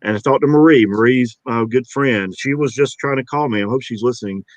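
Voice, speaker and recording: A man's voice: mid-range voice, brisk, no echo. A middle-aged man, an actor, talking in an interview in a rambling, upbeat way with many restarts. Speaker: actor and guest. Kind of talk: interview conversation.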